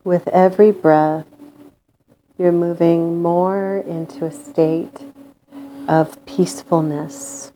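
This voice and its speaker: Woman doing guided meditation, soft mellow tone, lowish voice, calm and gentle w/ long pauses. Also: a little hiss or hum, low-quality recording. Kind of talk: guided meditation, slow and soothing.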